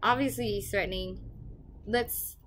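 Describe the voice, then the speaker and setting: Animated young woman telling a story. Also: medium pitch, a little slow, a little hiss or hum. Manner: animated, swings loud and quiet, swears casually. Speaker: property manager telling a story. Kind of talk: casual storytime vlog.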